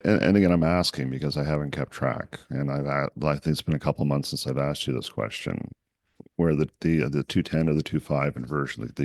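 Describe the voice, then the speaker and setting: Gravelly, very deep-voiced man. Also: no echo. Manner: wry, teasing, restarts often. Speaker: co-host. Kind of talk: casual finance podcast chat.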